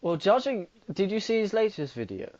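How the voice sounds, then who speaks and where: Brief: young Irish man, podcast co-host, deadpan jokes, lots of ums, dull dry recording. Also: high-pitched, normal speed, no echo. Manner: dry, joking, hesitant with fillers. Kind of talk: casual chat.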